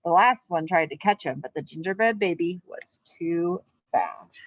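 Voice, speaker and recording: An elementary physical education teacher, a woman, gives young children a lesson and reads a storybook aloud. Her fairly low voice is expressive and moderately paced, and the dry recording has no room sound but is muffled.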